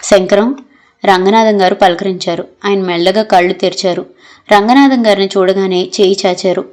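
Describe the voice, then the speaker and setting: A woman narrates a novel aloud in steady, measured scripted reading. Her voice sits in a middle pitch range, even and unhurried. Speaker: audiobook narrator.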